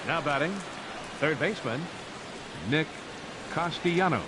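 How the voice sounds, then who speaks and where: A man voicing a ballpark public address announcer, making formal, drawn-out announcements over a stadium loudspeaker. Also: on the high side. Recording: distant loudspeaker under loud noise.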